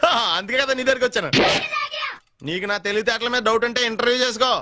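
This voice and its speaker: An actor playing a cheeky young nephew who answers everything with quick wisecracks in a film comedy. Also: male voice, extremely high pitch, sharp tone.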